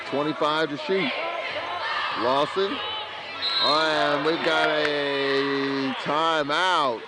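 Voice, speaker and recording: A man calling college basketball play-by-play, bursting into excited calls on big plays. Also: on the high side. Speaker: play-by-play announcer. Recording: crowd and arena noise behind.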